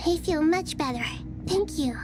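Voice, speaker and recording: A gentle young goddess of wisdom answers with calm sincerity in a high, light voice. Her game lines sit over faint music. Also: measured pace. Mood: earnest. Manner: soft, earnest, composed.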